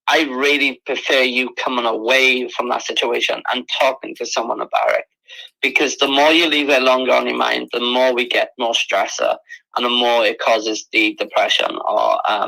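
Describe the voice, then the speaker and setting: Male spiritualist, mid pitch, very bright tone, earnest and repetitive, talking unscripted through a live reading. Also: vocal fry, rough recording. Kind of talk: unscripted psychic reading, conversational.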